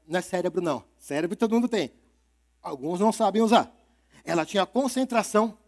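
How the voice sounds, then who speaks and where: A male storyteller with a Brazilian accent, performing live for an audience at a literary fair. His voice sits high and bright, and he shifts tempo freely, drawing out words for effect and putting playful questions to his listeners. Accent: Brazilian Portuguese.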